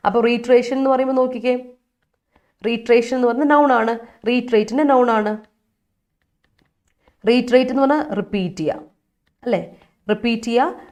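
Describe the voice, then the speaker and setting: A woman's voice: on the high side, a little mellow. Woman, Malayali accent, English teacher, live online class, chatty, checks in with students. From Kerala. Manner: chatty, keeps asking "right?" of her students; switches between two languages, reads student sentences aloud.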